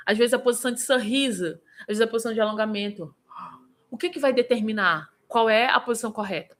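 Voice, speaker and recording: Bright-voiced vocal coach woman. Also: on the high side. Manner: lively, demonstrative, breaks into vocal examples; answers viewers by name. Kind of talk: live-streamed singing lesson with Q&A.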